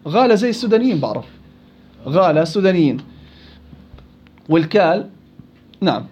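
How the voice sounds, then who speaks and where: A man teaching Quran recitation rules to students in a classroom. He corrects them, repeats syllables to demonstrate each sound, and recites verses slowly. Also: high voice, very animated, a little mellow. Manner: slow, drawn-out recitation of verses. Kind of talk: tajweed lesson with students. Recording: dull lo-fi recording.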